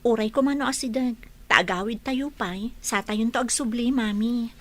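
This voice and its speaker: A woman's voice: on the high side, normal speed, a bit bright. A woman acting a patient, reluctant village mother in a radio drama. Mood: patient, resigned.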